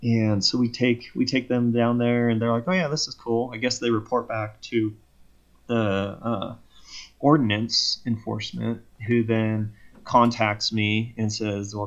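Gravelly low-voiced man telling a story. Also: lo-fi sound. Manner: animated retelling that acts out both sides of conversations. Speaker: podcast guest. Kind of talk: casual storytelling.

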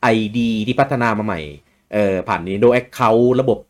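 A man hosting a casual gaming talk show, reading out viewer questions and answering them in a relaxed way with many restarts. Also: medium pitch, unhurried.

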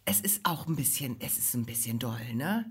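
A woman's voice: very deep voice, lively intonation, moderate pace, husky. A woman co-hosting a casual podcast, telling a rambling, self-mocking comic story. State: recovering from illness. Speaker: podcast co-host. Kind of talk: casual comedic chat.

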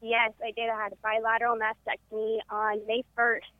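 Calling in from her parents' house over a conference call phone line, a woman in her twenties is an upbeat, candid podcast guest in a casual interview. Her voice is on the high side, monotone and fairly quick, clear and resonant, with the tinny line sounding dry and echo-free.

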